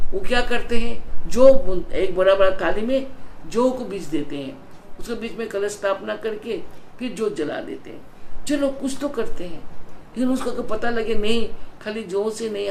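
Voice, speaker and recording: A woman spiritual teacher giving a devotional talk and then leading a breathing practice, counting breaths aloud in an instructive way. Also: mid-range voice. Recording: roomy echo with faint background noise.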